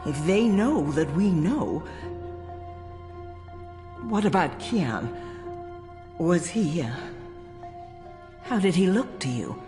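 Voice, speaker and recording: An actress playing a dignified, gentle older religious leader in a video game, solemn and caring. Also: female voice, fairly low pitch, big pitch swings, slow pace, pauses often. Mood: moved, concerned. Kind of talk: dramatic video game acting. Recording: long hall reverb with music.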